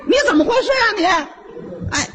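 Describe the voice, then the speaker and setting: A man with a Beijing accent voicing a flustered, fat, middle-aged uncle who shouts and stammers. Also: extremely high pitch, expressive, brisk, noisy background, voice pushed up. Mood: frantic.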